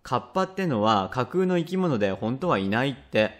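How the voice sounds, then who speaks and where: A man's voice: mid-range voice, very animated, fairly quick, lightly acted. A man voicing a cheeky, pestering little boy who wheedles his father for treats in a rakugo tale. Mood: wheedling. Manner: wheedling, whiny. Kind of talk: rakugo storytelling.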